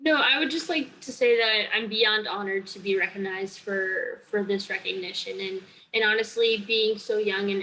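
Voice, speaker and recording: Speaking earnestly and in a measured way for a recorded award video, this youth program founder is around nineteen, from Connecticut, with Spanish as her first language. Her medium-pitched delivery sounds pushed and bright over slight background noise and poor audio.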